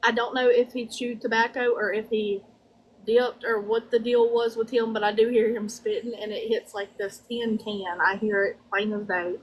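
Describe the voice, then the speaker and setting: A woman with a Southern US drawl giving a conversational spirit reading in a folksy, halting way, often circling back over her words. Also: on the high side, flat delivery, slight background noise, poor audio.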